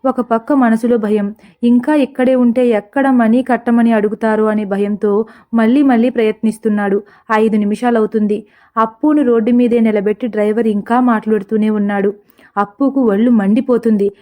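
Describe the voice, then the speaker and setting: A woman narrating a comic story in a lively, expressive scripted way. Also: on the high side, fairly quick.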